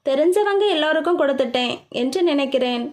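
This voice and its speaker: A woman voicing a calm, confident young man about to be married in an audiobook. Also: fast talker. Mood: self-assured. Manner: calm, deep-voiced and self-assured.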